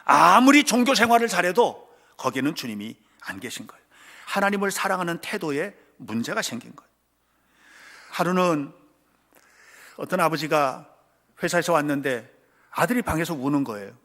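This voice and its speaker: Male pastor, church sermon, high and very animated delivery, dramatic whisper-to-shout swings. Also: moderate pace, long pauses. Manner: dramatic, swings from loud cries to hushed whispers; acts out quoted voices in stories. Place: church sanctuary.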